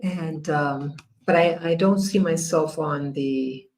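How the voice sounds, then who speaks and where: An American woman with a low voice hosts a casual livestream. She talks slowly and haltingly, stopping and restarting as she sorts out her screen. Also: a little mellow, poor audio. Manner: halting, many fillers and restarts while working the screen. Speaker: livestream host.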